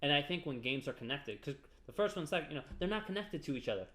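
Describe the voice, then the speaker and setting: A man's voice: a little high, lively intonation, quick pace, pushed and bright. A man co-hosting a casual gaming podcast, talking in rambling runs full of fillers and restarts. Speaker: podcast co-host.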